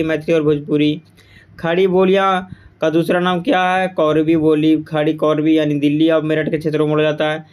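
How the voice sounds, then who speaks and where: A man's voice: on the high side, clean tone. A man teaching an exam-prep Hindi grammar lesson, repeating each answer and quizzing the class. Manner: repeats answers with quiz-style questions to the class.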